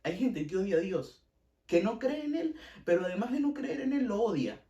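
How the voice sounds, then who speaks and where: A man's voice: sits high, very animated, moderate pace, warm tone, reverberant, distant mic, highs cut off. A man with a Venezuelan accent hosting a casual podcast, giving blunt opinions and repeating himself for emphasis. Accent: Venezuelan Spanish. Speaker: podcast host.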